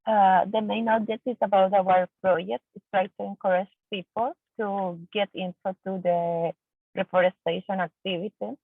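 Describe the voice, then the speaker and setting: A woman from Chile whose first language is Spanish presents in English, pausing to find words. Her voice is strongly gravelly and level in pitch. It comes through a dry, tinny, phone-like line. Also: steady tone, no room sound. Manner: hesitant, searching for words. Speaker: geologist, presenter. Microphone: video call. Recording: tinny phone-like call audio.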